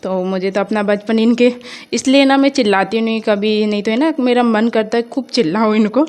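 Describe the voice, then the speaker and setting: A woman's voice: a little high, fairly even intonation, brisk, a little mellow. A young woman from India narrating her home vlog in a rambling, chatty way, full of fillers. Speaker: vlogger. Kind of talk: casual voice-over vlog narration.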